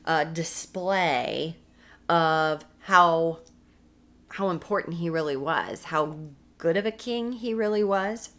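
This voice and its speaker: A woman's voice: lowish voice, fairly bright tone. Earnest woman teaching a Bible study. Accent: American. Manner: earnest, repeats phrases for emphasis.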